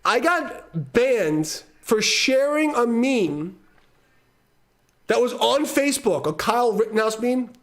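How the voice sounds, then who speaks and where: A man's voice: very high voice, sing-song, slow, fairly bright tone. A middle-aged man from Brooklyn, telling a rambling story on a live stream, swearing freely and laughing between words. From Brooklyn, New York. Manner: laughs often mid-sentence, heavy swearing, repeats words as he talks.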